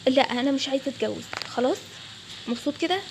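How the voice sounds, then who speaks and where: Woman doing an annoyed egyptian bank girl, high voice, talks super fast. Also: creaky, noisy background. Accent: Egyptian Arabic. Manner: exasperated, snapping back. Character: fed-up young woman bank clerk. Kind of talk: toy role-play story voicing.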